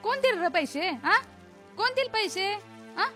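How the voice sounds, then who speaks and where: A woman's voice: very high-pitched, animated, unhurried, bright, forceful tone, faint music behind, full character voice. An actress playing a worried poor village mother, nagging and anxious. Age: middle-aged.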